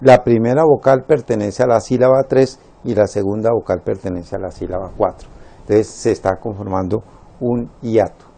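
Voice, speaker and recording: A man teaching a Spanish lesson, slowly spelling out words syllable by syllable and counting them. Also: fairly low pitch, steady tone, vocal fry, dark tone. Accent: Latin American Spanish.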